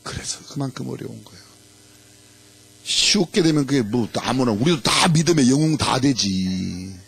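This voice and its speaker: A man's voice: medium pitch, animated, normal speed, creaky, husky. A middle-aged male pastor preaching in a church, playfully leading the congregation through a game. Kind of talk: sermon. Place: church sanctuary.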